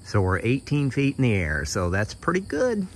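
A middle-aged American man's medium-pitched voice swoops wildly in pitch at a moderate pace. He is a hobbyist doing a plain-spoken, casual show-and-tell outside in a yard and on a roof, with insects audible throughout.

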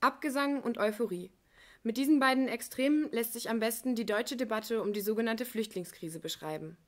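A woman narrating a documentary piece in a clear, formal reading style. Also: fairly high pitch, brisk. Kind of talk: scripted narration.

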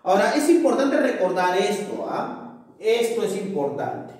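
Profesor que habla despacio, con eco. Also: male voice, high-pitched, big pitch swings, unhurried, vocal fry, a little mellow, distant mic. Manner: explains patiently, keeps asking "¿no es cierto?". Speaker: teacher. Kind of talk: classroom grammar lesson. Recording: echoey room, voice from off-mic.

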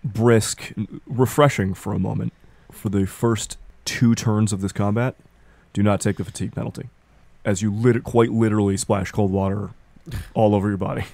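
A man runs a tabletop role-playing game, narrating scenes with deliberate, dramatic phrasing. His voice is low and dark, with a restrained melody. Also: fairly even intonation, gravelly, no room sound. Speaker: game master.

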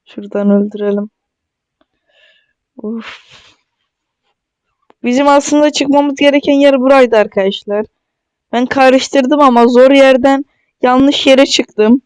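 A man giving casual, excitable gameplay commentary, joking and talking straight to his viewers. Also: very high voice, takes it slowly, pauses often, clear, resonant tone, no echo. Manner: chatty and excitable, jokes and talks straight to viewers. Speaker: mobile gaming streamer.

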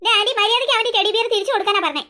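A woman's voice: very high-pitched, very fast, pushed and bright. A woman voicing a caring, outspoken older sister in a cartoon story who protects her little brother. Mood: defiant.

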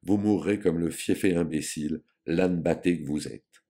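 A man narrates an audiobook in a low, warm voice at normal speed. He voices a pompous, self-important grown man whose manner is grandiloquent, lofty, and scornful.

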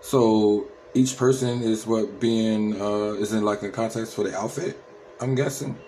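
A man's voice: lowish voice, steady tone, unhurried, dark tone, a little hiss or hum, rough recording. A man in his thirties from New Jersey with an American accent, giving casual, slangy reaction commentary. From Trenton, New Jersey, USA. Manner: slangy, repetitive tag questions. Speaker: reaction video host.

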